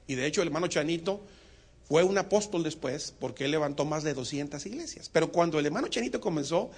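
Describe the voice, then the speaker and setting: A man's voice: a little high, fast talker, breathy edge. A male preacher telling a sermon story and having the congregation repeat after him. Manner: animated, call-and-response with congregation.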